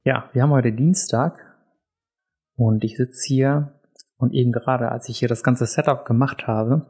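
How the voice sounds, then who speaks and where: Sitting indoors at a desk microphone, with video rolling too, a podcast host chats on his own, joking at his own expense and filling gaps with um and uh. His mid-range voice is steady, a little mellow and slightly rough, moving at a moderate pace over soft background music.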